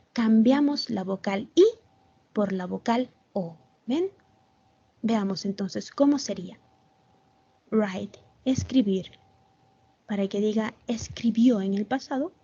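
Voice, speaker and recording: A woman's voice: on the high side, dark tone, breathy edge, no room sound, muffled recording. A woman English teacher explaining a lesson patiently in an online class, often checking whether the students follow. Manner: patient, slow, repeats "¿Ven?" to check understanding. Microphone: video call.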